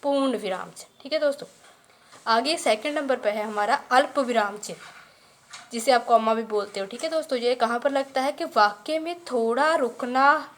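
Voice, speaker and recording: A woman teaching a grammar lesson, explaining step by step, often pausing to check in with viewers and reading example sentences slowly. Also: fairly high pitch.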